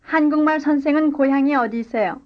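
A woman reading a scripted language-lesson dialogue and drill answers in clear, careful model sentences. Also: sits high, fairly quick, dull audio. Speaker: language course speaker.

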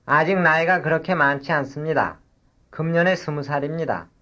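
A man reading a scripted language-lesson dialogue and giving drill cues in a measured, deliberate way. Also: on the high side, pushed and bright, dull audio. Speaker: language course speaker.

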